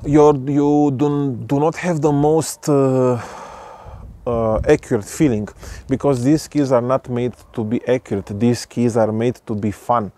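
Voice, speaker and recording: A man's voice: medium pitch, level tone, unhurried, mellow. Hesitant man reviewing skis outdoors. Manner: hesitant, many fillers and restarts. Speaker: vlogger. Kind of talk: casual product review vlog. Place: outdoors at the foot of a ski slope. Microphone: camera on a tripod at medium distance.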